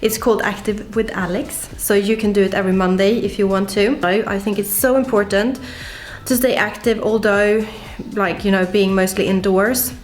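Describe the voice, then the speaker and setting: A woman's voice: mid-range voice, steady tone, normal speed, soft background music. Chatty young woman vlogging at home. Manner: chatty, peppered with "like". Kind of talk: casual home vlog. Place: home kitchen.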